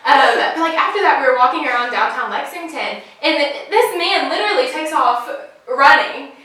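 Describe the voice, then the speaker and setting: High-voiced, animated young woman. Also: moderate pace, slight background noise. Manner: animated, laughing storyteller. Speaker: co-host. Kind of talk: casual chat. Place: bright indoor dining room. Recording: echoey room, far from the mic.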